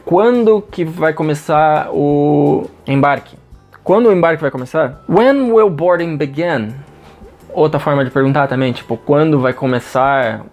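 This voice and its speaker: A Brazilian man with a Brazilian Portuguese accent, teaching English phrases in a casual lesson and repeating them slowly. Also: on the high side, a little mellow.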